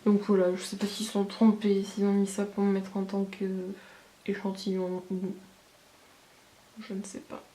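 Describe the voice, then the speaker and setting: A beauty vlogger chats her way through a casual haul review at a moderate pace, full of fillers and hesitations. Her mid-pitched voice echoes around the room over steady background noise.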